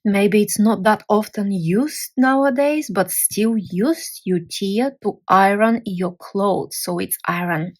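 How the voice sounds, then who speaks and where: A woman gives a patient language lesson at an unhurried pace. She breaks words into single letters and syllables and sounds each out clearly. Her voice sits at a middle pitch, and now and then it drifts a little away from the mic. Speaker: language teacher. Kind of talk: slow, careful language lesson.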